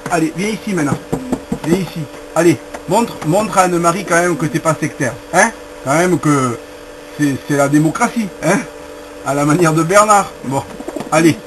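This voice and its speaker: A man's voice: high-pitched, slight background noise. A man filming a playful home video, coaxing and teasing his pet bird in baby talk and joking to the camera.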